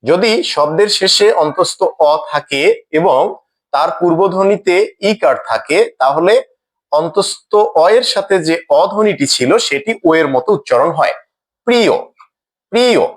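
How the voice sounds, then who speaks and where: A man teaching a scripted grammar lesson in a slow, deliberate way, saying each example word twice. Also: a little high.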